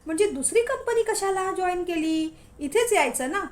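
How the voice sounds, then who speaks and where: A woman's voice: extremely high pitch, expressive, moderate pace, pitched above the performer's own voice. A woman voicing a short-tempered, sarcastic young man who is the boss's son. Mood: forced polite.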